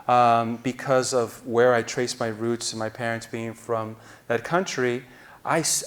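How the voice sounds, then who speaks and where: A man in his forties from New Jersey, answering as a journalist on a stage panel, explaining at length and gesturing as he talks, into a lapel mic. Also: medium pitch. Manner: explanatory, gestures while talking. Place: auditorium stage.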